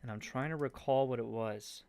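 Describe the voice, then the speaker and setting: A man's voice: medium pitch, normal speed, creaky, darkish tone, clear, resonant tone, no echo. A man with a Canadian accent chatting casually on a stream while building a Lego set, rambling with fillers and trailing off as he tries to recall things. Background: faint game music.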